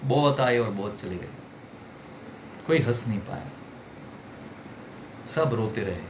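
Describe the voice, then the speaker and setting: A man teaching a public speaking workshop in an animated, theatrical way, mixing Hindi and English. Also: lowish voice, takes it slowly. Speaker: personality development trainer. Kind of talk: online workshop lecture. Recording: roomy with faint background noise.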